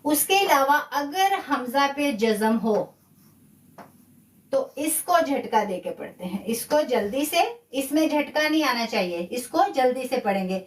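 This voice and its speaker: A woman's voice: high-pitched, lively intonation, measured pace, reverberant, recorded from a distance. A woman with a Pakistani Urdu accent, patiently teaching a live online Quran recitation lesson, repeating key points and praising her students' answers.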